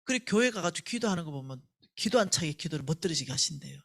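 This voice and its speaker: A woman's voice: deep voice, racing, gravelly. A woman with a Gyeongsang accent preaching at a church revival meeting, telling stories and acting out the voices of the people in them. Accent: Gyeongsang Korean. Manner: animated storyteller who acts out quoted voices. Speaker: church ministry staff speaker. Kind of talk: revival sermon with told stories.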